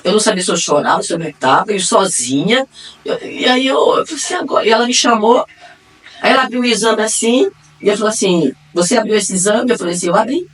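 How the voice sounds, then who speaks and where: A woman with a Brazilian accent giving a personal faith testimony, acting out the dialogue as she retells it and swinging between quiet and excited. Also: medium pitch, quick pace. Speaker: testimony giver. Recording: distant mic, faint room ambience.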